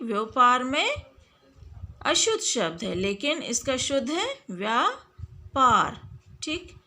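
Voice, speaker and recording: A woman's voice: on the high side, pushed and bright. A woman teacher giving a lesson to students, stretching out words and asking quiz-style questions. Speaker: school Hindi teacher. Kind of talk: online classroom lesson.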